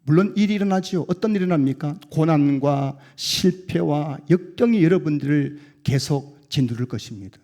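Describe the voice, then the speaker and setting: Male pastor, earnest sermon delivery, fairly high pitch, loud emphatic peaks that fall away to quiet endings. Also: normal speed, few pauses. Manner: drops low and quiet to close sentences.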